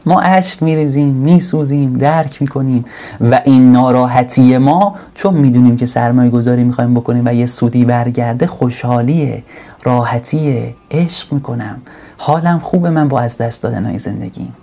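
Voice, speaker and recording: A man giving an earnest sermon, now and then slowing down and rising in pitch and force to stress a point. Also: creaky, dark tone. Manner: earnest, swells to slow emphatic peaks. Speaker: religious speaker.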